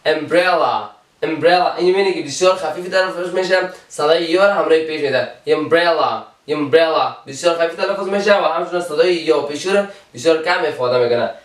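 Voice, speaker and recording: A man with an Afghan Dari accent teaching English letter sounds, repeating each example word slowly. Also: on the high side. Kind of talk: alphabet pronunciation lesson. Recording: roomy, from a distance.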